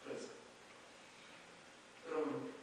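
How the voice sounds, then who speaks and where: A man preaching a sermon as pastor, animated and swinging from soft asides to shouts. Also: slow pace. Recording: roomy echo, from far off, hiss.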